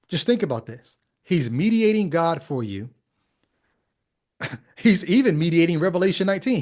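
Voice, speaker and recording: Brief: male podcast host, casual commentary, mildly higher voice, sarcastic asides.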